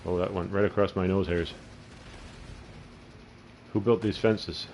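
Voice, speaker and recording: Deep gravelly man, crude game commentary. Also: fairly even intonation, unhurried, darkish tone, slight background noise, rough recording. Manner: crude, profane, rambling storyteller. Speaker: gaming channel host. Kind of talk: casual gameplay commentary.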